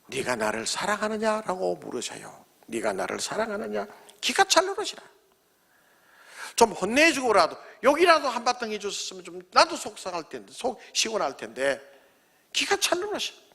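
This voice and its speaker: Pastor, male, high and very lively voice, dramatic sermon delivery. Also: brisk. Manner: dramatic, acts out quoted voices, swings from loud to hushed.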